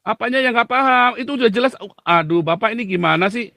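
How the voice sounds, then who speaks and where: A man, a pastor hosting a video call, arguing forcefully and interrupting, tacking on "Pak" to his phrases. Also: very high-pitched, fast talker, vocal fry, no echo, studio quality. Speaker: Zoom meeting host. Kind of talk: heated debate on a video call.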